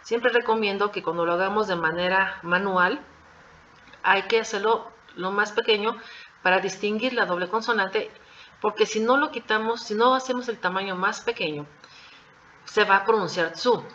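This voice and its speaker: A woman, teaching Japanese pronunciation. She explains patiently, repeats each example and checks understanding with quick questions. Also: mid-range voice, bright, forceful tone. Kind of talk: classroom explanation. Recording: dull lo-fi recording.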